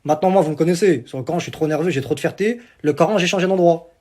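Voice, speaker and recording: Young man, from Algeria, fast boastful rant, fairly high voice, phone vlog. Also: a little mellow. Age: young adult. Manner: boastful, repetitive swearing on the Quran. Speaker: social media personality.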